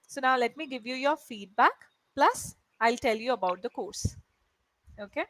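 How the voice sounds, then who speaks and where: A woman from India whose first language is Malayalam tutors English in an online session over a video call. Her voice is a little high and fairly bright, animated at a moderate pace, with no echo. She's encouraging and often checks in with her student by asking "right?"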